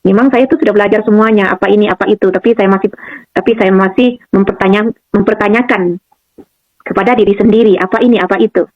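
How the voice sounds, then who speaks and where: A woman's voice: mid-range voice, fairly even intonation, quick pace, dry recording, lo-fi sound. Woman from Madura telling her story. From Madura, Indonesia. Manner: storytelling, often addresses listeners as "saudara". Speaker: testimony speaker. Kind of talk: personal faith testimony.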